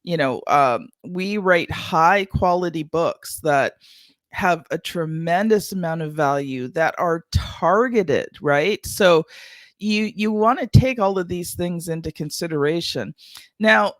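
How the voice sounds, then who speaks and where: A woman hosting an interview podcast, talking briskly about her work and steering the conversation. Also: fairly low pitch, lively intonation, no room sound. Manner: brisk, affirming. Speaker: podcast host.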